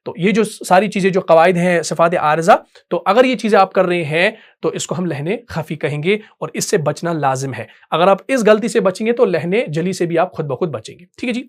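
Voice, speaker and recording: High-voiced man teaching Quran recitation. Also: moderate pace, hardly any pauses. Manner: patient explaining, checks understanding often. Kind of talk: online tajweed class.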